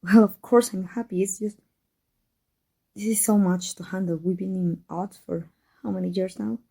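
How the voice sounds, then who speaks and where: A voice actor performs intimate ASMR roleplay as a guarded villainess in love with her rival. Her medium-pitched voice is very dark and soft, breathy and husky with some creak, and her tone stays steady as she speaks haltingly with tender emotion. The mood is soft and affectionate.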